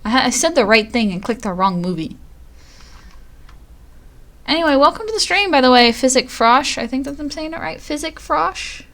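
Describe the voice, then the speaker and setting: A woman's voice: sits high, animated, normal speed, pauses often, fairly bright tone. A woman streamer chatting casually on a live stream, rambling and poking fun at herself. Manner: chatty, self-deprecating, rambling.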